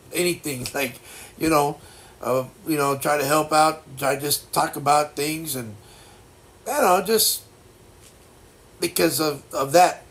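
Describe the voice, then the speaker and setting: A man in his sixties chatting casually as a livestream host, with a blocked-nose sound and a halting, reflective, folksy way of reassuring people. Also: a little high, vocal fry, a bit bright. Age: 60s. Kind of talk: casual chat.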